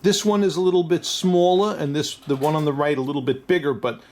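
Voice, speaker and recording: A man's voice: on the high side, steady tone, fairly quick, a little mellow. A man with a New York accent, a diamond dealer talking through a casual, unscripted review, chatty and chuckling often. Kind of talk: casual product review vlog.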